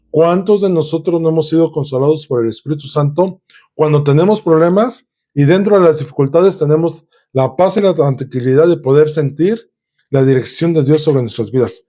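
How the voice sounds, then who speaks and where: A man's voice: a little high, mellow. A man preaching a sermon, teaching and asking questions of his congregation.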